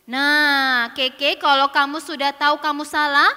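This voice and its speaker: A woman's voice: sits high, flat delivery, unhurried, bright, forceful tone, long reverb tail, full character voice. A woman voicing a firm, caring mother who questions her children patiently.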